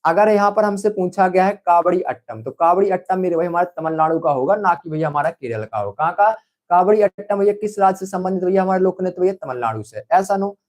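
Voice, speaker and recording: High-voiced man coaxing a live class. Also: fast talker. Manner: coaxing, repetitive, calls students brother. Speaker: online exam-prep teacher. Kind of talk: live online class quiz.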